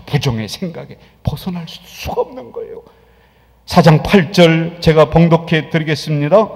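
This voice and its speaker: A male pastor preaching in a church sanctuary, his voice high and very lively in pitch. He moves between loud, forceful declarations and soft, hushed passages, and long reverb from the hall trails after his words. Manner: swings from loud proclamation to hushed whispers. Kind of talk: sermon.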